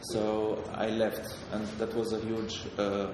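A man from Syria talks about his work in a halting way, stopping and restarting his sentences often. He sounds far from the mic in a large hall with a long echo. A steady background noise runs beneath his voice. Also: lowish voice. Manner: halting, many fillers and restarts. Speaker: photographer guest. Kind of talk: hesitant conversational talk.

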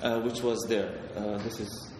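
A man from Syria talks about his work in a halting way, stopping and restarting his sentences often. He sounds far from the mic in a large hall with a long echo. A steady background noise runs beneath his voice. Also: lowish voice. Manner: halting, many fillers and restarts. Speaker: photographer guest. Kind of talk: hesitant conversational talk.

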